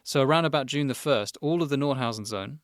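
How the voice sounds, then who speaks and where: A man co-hosting a casual history podcast, racing through a story in an animated way with frequent laughs. His pitch sits in the middle range. The recording is dry and close. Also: fast, no echo. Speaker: podcast co-host.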